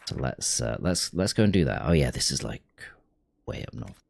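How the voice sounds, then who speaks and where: Low rambly guy streaming a game, lots of restarts, bouncy intonation. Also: sing-song, normal speed, creaky, a little mellow. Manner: chatty, rambling, self-interrupting with restarts. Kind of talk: casual gameplay chat with chat.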